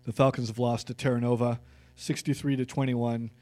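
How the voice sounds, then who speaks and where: Californian male co-host, casual stat-heavy chat, warm tone, dry mic. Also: medium pitch, fairly quick, no room sound. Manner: reads stats, relaxed and conversational. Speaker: sports podcast co-host.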